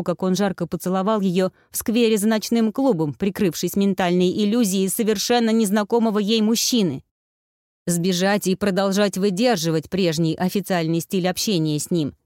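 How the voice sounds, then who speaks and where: A woman reading a fantasy novel aloud as an audiobook narrator, with steady, even storytelling. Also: mid-range voice, dry recording, studio quality. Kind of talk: scripted narration.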